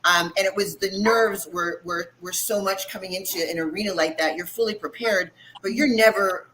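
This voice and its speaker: A woman who is a former boxer gives conversational fight analysis as a panelist, speaking informally and often checking in with "right" and "you know." Her medium-pitched voice is a bit bright at normal speed, on poor audio with a little hiss or hum.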